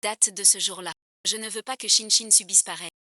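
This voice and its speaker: Bright crisp young wife, cool and composed, dry close sound, woman dubbing her. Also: mid-range voice, steady tone, a little fast, no echo. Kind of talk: dubbed drama dialogue.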